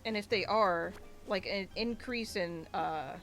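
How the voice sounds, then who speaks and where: A woman's voice: mid-range voice, slow pace, a bit bright, soft background music. A woman streaming a game, chatting casually and ranting in a rambling way with lots of filler words. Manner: rambling, ranty, many filler likes. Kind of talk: casual gaming livestream commentary.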